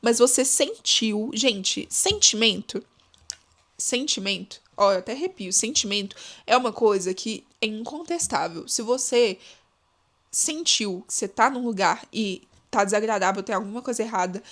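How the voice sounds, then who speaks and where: A young woman hosting a casual advice podcast, talking in an expressive, chatty way and often calling out to her listeners. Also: a little high, moderate pace. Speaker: podcast host.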